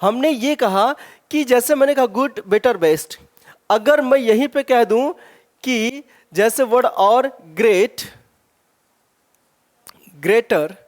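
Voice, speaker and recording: Man teaching grammar, stressing each example. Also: extremely high pitch. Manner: rhetorical questions, slow stressed example words. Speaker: English teacher. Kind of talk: exam-prep grammar lesson.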